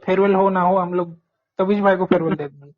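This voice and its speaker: A man's voice: high voice, level tone, quick pace. Indian man chatting, dull lo-fi audio. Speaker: cricket watch-along panelist. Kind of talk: casual chat.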